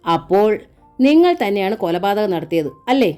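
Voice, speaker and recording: A woman's voice: mid-range voice, expressive, normal speed, warm tone, soft background music, natural voice. A woman voicing a stern male police inspector who asks curt, probing questions.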